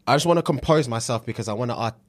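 Young male podcast co-host, London accent, roadman slang, very animated pitch swings, casual ranting. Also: racing. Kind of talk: casual chat, football rant.

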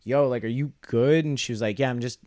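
Brisk and darkish at a medium pitch, a young male comedian rambles through a wry story as a podcast guest. His casual telling keeps drifting off into quoted asides.

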